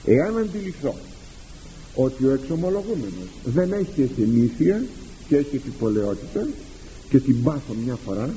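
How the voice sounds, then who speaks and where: A Greek priest giving a sermon to his congregation, animated and rhetorical, acting out quoted exchanges with the faithful. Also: mid-range voice, dull audio, slight background noise. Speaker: priest and confessor.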